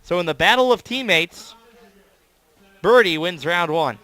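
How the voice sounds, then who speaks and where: A man's voice: sits high, animated, a little slow, bright, forceful tone. A man doing live baseball play-by-play commentary as the announcer, in clipped phrases, stretching words on big plays.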